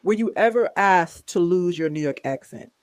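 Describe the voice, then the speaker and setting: A woman's voice: fairly low pitch, lively intonation, normal speed, smooth, no echo. Enthusiastic woman host, dry sound. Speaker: interview host. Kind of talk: casual interview chat.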